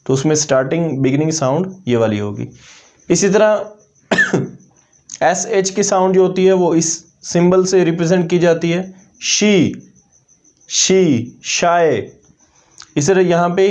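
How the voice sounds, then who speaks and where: A man teaching an English language lesson, explaining methodically and repeating example words slowly to demonstrate them. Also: fairly high pitch, darkish tone.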